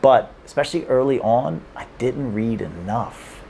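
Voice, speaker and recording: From a room in Hong Kong, a man gives casual advice on learning languages to camera, speaking a little slowly in a mid-range, creaky, dark voice with lively intonation. He rambles, repeats himself, restarts often, and laughs softly. Slight background noise is present.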